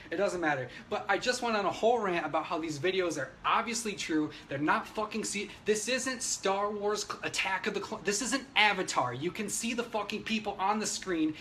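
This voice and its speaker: On a noisy livestream, a man with a rather high, slightly bright voice rants unscripted about politics, reading viewer comments. He's brash, opinionated and emphatic, swearing often and speaking directly to his audience in an agitated way, with faint noise in the recording.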